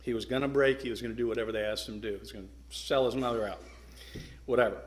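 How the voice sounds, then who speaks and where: With a steady tone and mid-range voice, a middle-aged guest speaker gives a club an emphatic, sincere address. He uses pauses for effect and at times restarts what he's saying.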